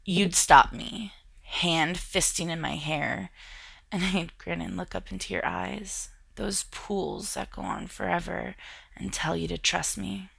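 A woman narrating an intimate second-person romantic audio story in a soft voice that often drifts into whispers. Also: fairly low pitch, measured pace, creaky, breathy edge, no echo.

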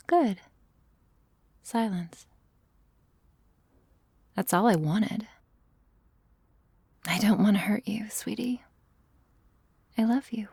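A woman playing an obsessive, possessive young woman who holds a man captive, talking in a soft, menacing, profane whisper for an audio roleplay. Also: medium pitch, gravelly, slightly rough, dry recording, full character voice. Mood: taunting. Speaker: voice actor.

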